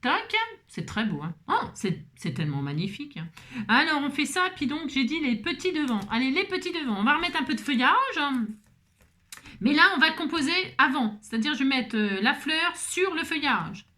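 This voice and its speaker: A woman's voice: high voice, very animated, moderate pace, pushed and bright. A woman hosting a craft tutorial, chatting casually and humming little tunes as she works. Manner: chatty, hums and sings little tunes while working.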